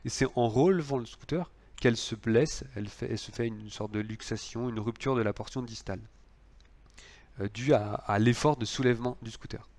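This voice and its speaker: A man's voice: mid-range voice, moderate pace, darkish tone. A man lecturing on law, explaining cases with frequent fillers and restarts.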